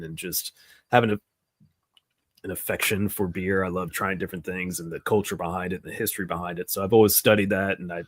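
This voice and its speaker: A man in his forties from Florida, chatting as a guest about his paranormal show in a relaxed, rambling storytelling way over a video call from outdoors. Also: sits low, dry recording, studio quality. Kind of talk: casual chat.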